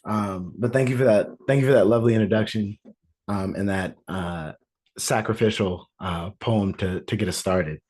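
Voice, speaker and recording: Low-voiced hesitant man from Kentucky. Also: normal speed, darkish tone, husky. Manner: hesitant, many fillers and restarts. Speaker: poet. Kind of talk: casual remarks before a reading. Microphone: video call.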